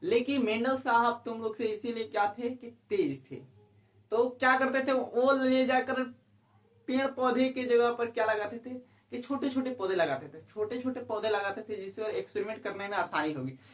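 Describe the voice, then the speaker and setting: A man's voice: very high voice, normal speed, fairly bright tone. A male biology teacher giving an exam-prep lecture, who keeps asking rhetorical questions, repeats key terms and checks that students follow. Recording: echoey room, speaker far from the mic.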